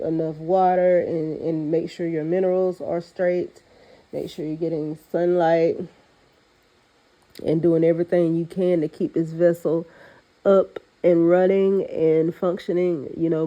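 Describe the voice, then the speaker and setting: A woman's voice: on the low side, lo-fi sound. A woman with a congested, nasal voice, as if her nose were pinched, giving earnest, off-the-cuff spiritual advice as a host. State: congested from recent illness. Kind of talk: spiritual pep talk, speaking off the cuff.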